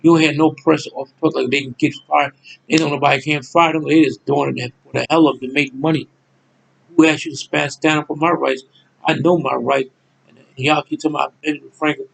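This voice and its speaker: A man's voice: on the high side, little pitch movement, brisk, vocal fry, fairly bright tone, low-quality recording. A man, ranting angrily to his viewers in a repetitive monologue, cursing as he goes. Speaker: channel host. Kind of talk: angry monologue to camera.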